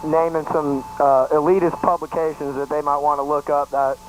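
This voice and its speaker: A man's voice: on the high side, little pitch movement, normal speed, slight background noise, rough recording. Laid-back young man telling a story. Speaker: guest co-host. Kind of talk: casual talk show chat. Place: studio, public access show.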